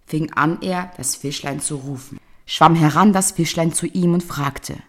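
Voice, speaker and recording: A woman reading a fairy tale aloud in a measured, solemn storytelling manner. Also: low-pitched.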